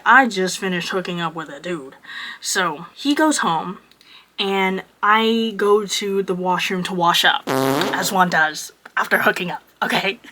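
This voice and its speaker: This is a twenty-one-year-old woman telling a story in a casual vlog, her pitch sitting in the middle range. She swears freely and piles on filler words as she talks. There is a faint hiss of noise behind her voice. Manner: profane, animated, heavy use of filler words. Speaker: vlogger. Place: at home doing makeup on camera.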